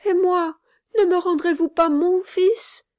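A woman's voice: very high voice, fairly even intonation, slow pace, a little mellow, dry recording, clean studio sound, pitched above the performer's own voice. Tearful desperate mother, as a woman reader voices her. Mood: desperate pleading. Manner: desperate, pleading, accusing. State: crying. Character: grieving poor mother pleading for her son. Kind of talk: audiobook character reading.

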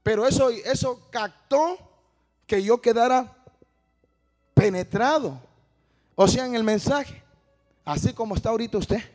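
A man preaching a sermon as a testimony, telling a story and calling out "hermano" as he builds to shouting. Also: extremely high pitch, animated, measured pace, pauses often, soft background music. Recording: long hall reverb.

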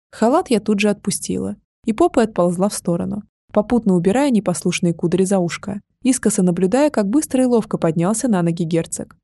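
A woman reads a first-person fantasy story aloud in a wry, lively way. Her voice is mellow and darkish, recorded close and dry with no room around it. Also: mid-range voice, no echo. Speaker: audiobook narrator.

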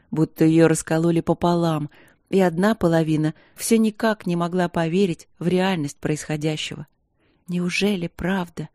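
A woman reading a novel aloud as a narrator in an even, measured storytelling manner. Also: on the low side, dry recording, studio quality. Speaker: audiobook narrator. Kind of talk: scripted narration.

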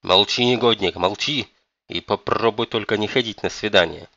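A man's voice: on the low side, brisk, bright, forceful tone, no echo, muffled recording. A man voicing a stern, domineering elderly grandmother who scolds and commands. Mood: scolding.

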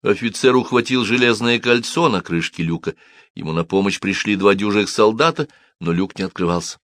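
A man narrating an audiobook in an expressive, dramatic reading style. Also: fairly low pitch, fairly quick, no echo.

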